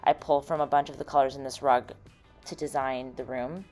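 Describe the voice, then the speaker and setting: A woman's voice: rumbling low, steady tone, brisk, a little mellow. A woman in her thirties hosting a casual room makeover vlog, chatting and explaining things step by step. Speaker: host and room designer. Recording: background music under the voice. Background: music.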